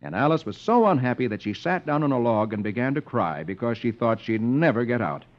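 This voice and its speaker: A jolly man reading a children's story on old-time radio in a lively, singsong way. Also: medium pitch, a little fast. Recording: dull old radio transcription with music.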